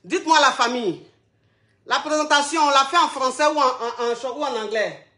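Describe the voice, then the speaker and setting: Lady on a live stream, high bright voice, chatty, asks the same thing over and over. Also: normal speed, reverberant. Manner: chatty, keeps asking viewers the same question. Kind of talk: casual live-stream chat.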